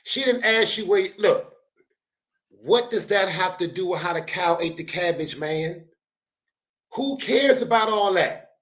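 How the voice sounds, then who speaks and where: A man hosting a show, reacting to a clip with animated, slangy, preachy advice. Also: sits high. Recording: roomy echo.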